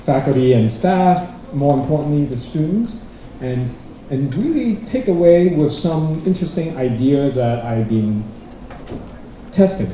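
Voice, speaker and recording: A middle-aged man from Hong Kong, a guest speaker at a conference, gives a rambling, self-deprecating talk in a large lecture hall, frequently restarting his sentences. His voice is medium-pitched with a dark tone. It's recorded from far off in the echoey hall, with slight background noise.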